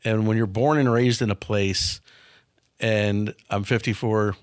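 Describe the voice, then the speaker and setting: A man in his fifties from a small town near Milwaukee, US, speaks in a lowish, steady voice at an unhurried pace, with clean studio sound and no room sound. A business owner, he answers interview questions frankly in casual talk, often repeating words as he starts a sentence.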